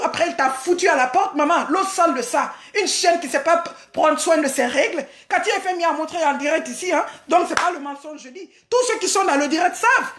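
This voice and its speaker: A woman from Senegal delivers a vulgar, mocking rant, repeating her jabs and breaking into shouts. Her voice sits very high. The sound carries a roomy echo. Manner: vulgar, mocking, repetitive insults with frequent shouting. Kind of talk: insulting live-stream rant.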